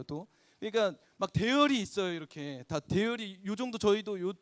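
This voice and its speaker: A man in his forties preaching a sermon as pastor, animated and acting out prayers and arguments in different voices. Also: high-pitched, dry recording. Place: church sanctuary.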